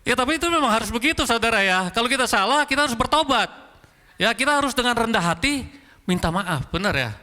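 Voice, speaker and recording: A male pastor, preaching a sermon and acting out the dialogue in his story. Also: high-pitched. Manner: animated storytelling, acting out dialogue, addressing congregation as "saudara". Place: large church hall. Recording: long hall reverb.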